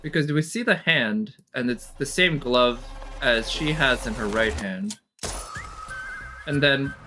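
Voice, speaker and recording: A woman with a bass voice and a fairly bright tone gives casual reaction commentary on a game trailer, speculating as thoughts occur to her. The trailer's music sits behind her voice.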